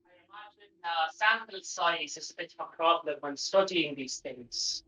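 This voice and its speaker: A man's voice: fairly high pitch, moderate pace, pushed and bright, a little hiss or hum, rough recording. A man playing a tabletop game, hesitant and thoughtful, with wry understatement. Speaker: player. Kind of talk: casual tabletop play.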